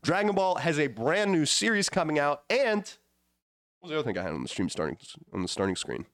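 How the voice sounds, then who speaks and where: A man hosting a podcast with playful, casual hype, his voice wheezy and hoarse from being sick. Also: fairly high pitch, very animated, fast talker, fairly bright tone, no echo, clean studio sound. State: sick, voice partly gone. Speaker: podcast host.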